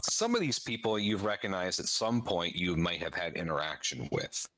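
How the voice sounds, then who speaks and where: A man running a tabletop horror game as game master, setting scenes calmly with many filler words. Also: sits low, normal speed, noisy background.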